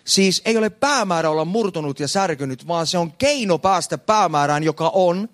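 A male preacher delivers an animated sermon in a fairly high voice. His pitch swings widely, rising to loud emphatic peaks and dropping to low, quiet asides.

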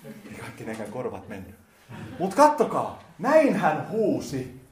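A man preaching a sermon, talking directly to his listeners in casual speech and swinging between quiet and loud. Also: medium pitch, huge pitch swings. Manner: addresses listeners directly, colloquial. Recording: echoey hall.

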